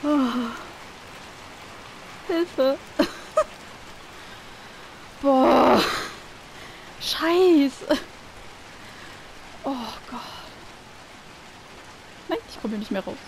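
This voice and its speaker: A woman's voice: high-pitched, expressive, extremely slow, long pauses, darkish tone, a little hiss or hum, rough recording. A woman giving let's play commentary, easily frightened, swearing often and shrieking when scared. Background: game music.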